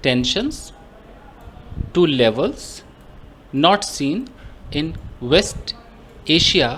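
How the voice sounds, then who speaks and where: A bright, higher-leaning male voice carries this Hindi-language English grammar lesson from an Indian teacher, with a little background noise. He goes step by step, questioning himself and supplying the answers, and he slows to read English phrases aloud.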